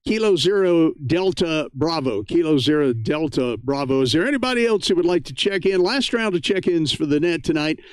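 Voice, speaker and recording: Smooth, higher-voiced American man hosting. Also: animated, fairly quick, few pauses, dry recording. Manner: chatty, folksy. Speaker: amateur radio net host. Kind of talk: live net control, casual hosting.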